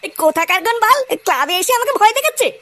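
A woman's voice: very high-pitched, sing-song, rapid-fire, a bit bright, no echo, full character voice. A woman voicing a cheeky, swearing young boy in a cartoon, with a brash and whiny manner. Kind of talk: cartoon voice acting.

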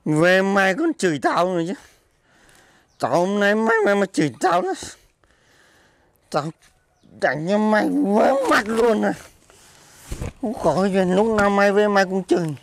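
In an amateur comedy skit, an actor plays a drunk, belligerent husband locked out of his house, slurring and mumbling. His high voice is animated at normal speed, broken by long pauses.

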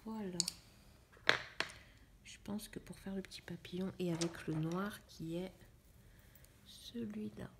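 A young woman chatting in a casual coloring vlog, musing to herself in a soft, often half-whispered voice. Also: mid-range voice, fairly even intonation, slow pace, gravelly, long pauses, noisy background. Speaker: vlogger. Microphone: phone camera.

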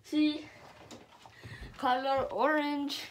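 A young girl chants and talks playfully while dancing and jumping around her bedroom for a homemade dance video, filmed on a phone lying on the floor. Her voice is high with little pitch movement and drawn-out words, over slight background noise.

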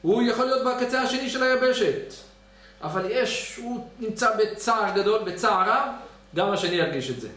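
A man teaching a weekly Torah lesson as a rabbi, a lively storyteller who acts out the voices in his stories. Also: high-pitched. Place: study hall. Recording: very echoey hall, mic at a distance.

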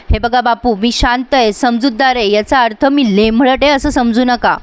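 Casting: a firm, protective father, voiced by a woman, high and dry. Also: no room sound, close to an everyday voice. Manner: firm, earnest appeals. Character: protective, calm father losing his patience.

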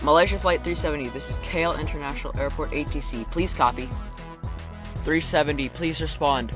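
A man voicing a nerdy, fussy, self-important flight-simulator fan in an animated web cartoon, with a pedantic delivery. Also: fairly high pitch, fairly quick, over music, close to an everyday voice. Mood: formal. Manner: pedantic, exclaiming.

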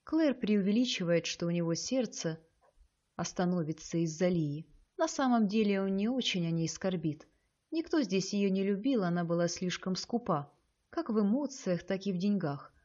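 A woman voicing an elderly male cult leader who proclaims things solemnly and loudly. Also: mid-range voice, animated, normal speed, highs cut off, lightly acted. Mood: coaxing.

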